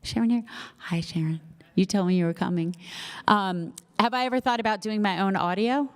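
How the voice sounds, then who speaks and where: At a book launch in an event hall, a chatty middle-aged woman author with a slight lisp does a casual Q&A with the live audience. Her mid-range voice is brisk, and she's warm-humored and self-deprecating, using lots of fillers.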